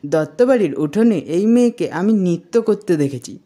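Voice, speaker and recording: A woman's voice: on the low side, expressive, normal speed, dark tone. A woman reading the lines of a cranky, agitated old uncle in a retold TV serial, scolding and alarmed.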